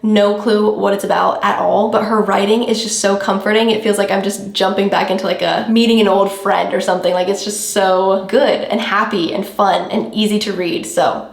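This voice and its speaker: A woman's voice: medium pitch, steady tone, normal speed, gravelly, few pauses, husky. Chatty young woman, book vlogger. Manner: informal, peppered with "like". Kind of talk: casual chat to camera about books.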